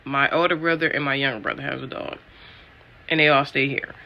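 A man's voice: medium pitch, steady tone, brisk, vocal fry, muffled recording. A man in his late twenties chatting animatedly to his viewers in a casual vlog, calling them y'all. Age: late 20s. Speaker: vlogger.

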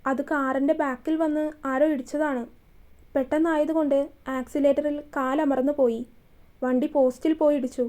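A stern young man who gives orders and presses hard with blunt questions, as a woman storyteller reads his lines. The voice sits high yet mellow and warm, firm rather than loud. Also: little pitch movement, normal speed, natural voice.

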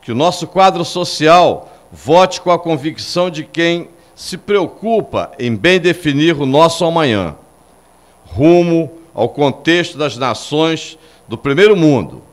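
An older man reads a formal statement aloud in a measured, solemn way at a podium microphone in an indoor hall. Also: on the high side, animated. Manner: measured, solemn official reading.

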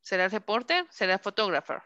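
A woman teaching a class, repeating words slowly and asking questions over and over. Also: medium pitch, very animated, sharp tone, no room sound, muffled recording. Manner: slow, drawn-out word modelling and repeated questions. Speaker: English teacher. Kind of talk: online class instruction.

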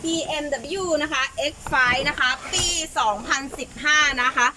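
A woman's voice: high voice, steady tone, moderate pace, background noise. A young woman presenting a car on a live stream at an auction lot, with chatty sales patter and constant direct address to her viewers, recorded on the camera's own mic. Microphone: camera's own mic, no external mic.

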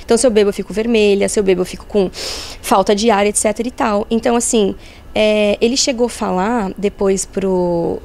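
A middle-aged woman from Brazil, giving an animated interview and acting out quotes as she tells what happened. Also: mid-range voice, fairly quick. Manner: animated, vivid retelling with acted-out quotes. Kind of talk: interview testimony.

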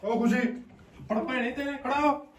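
A woman's voice: high voice, steady tone, moderate pace. A woman with a Punjabi accent chatting casually. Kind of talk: casual chat.

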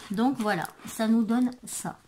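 A woman presenting craft supplies in a casual video, hesitant and full of fillers, murmuring softly while she handles things. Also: fairly high pitch, measured pace, noisy background. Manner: hesitant, many fillers and restarts. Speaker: craft vlogger. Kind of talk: casual product show-and-tell.

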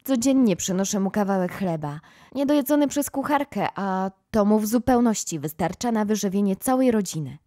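A woman's voice: mid-range voice, expressive, a little fast, mellow, dry recording, clean studio sound, natural voice. A woman reading an audiobook, voicing an imaginative, kind young girl with a dreamy, playful tone. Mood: earnest.

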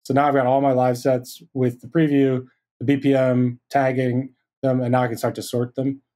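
A man talking casually as a podcast guest, relaxed and rambling, with fillers and restarts. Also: medium pitch, moderate pace. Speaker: guest, hardware designer. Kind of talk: casual interview chat.

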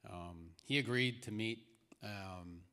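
Pastor guy from the philippines, lowish voice, easygoing rambly storytelling, big reverby hall. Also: takes it slowly. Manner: relaxed storytelling, many fillers. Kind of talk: answering questions on stage. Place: church sanctuary stage. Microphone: handheld mic. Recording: echoey hall with long reverb.

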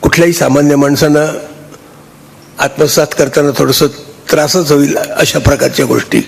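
An older man gives a halting, chatty speech on stage, thanking people and joking with the audience. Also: a little high, fairly even intonation, vocal fry. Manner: halting, restarts, warm and chatty with the crowd. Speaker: honoree giving a speech.

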